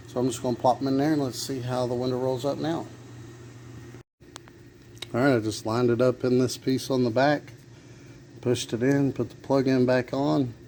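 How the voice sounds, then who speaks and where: Steady and slightly dark in tone, his mid-range voice moves at a moderate pace with long pauses while he plainly narrates his hands-on car repair, thinking as he goes. Clear background noise and vehicle sounds fill the recording.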